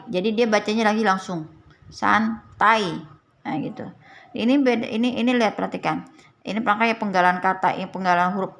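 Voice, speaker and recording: A woman tutor patiently walking through a reading and writing workbook, explaining points slowly and repeating them. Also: lowish voice, creaky. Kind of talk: casual tutorial walkthrough.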